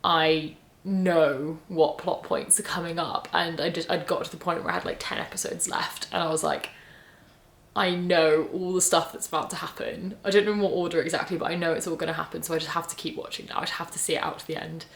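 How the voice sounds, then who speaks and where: A woman's voice: on the low side, steady tone, fairly quick, vocal fry. Chatty woman rambling about books. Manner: chatty, rambling, many "like" and "um" fillers. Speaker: book vlogger. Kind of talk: casual reading vlog chat.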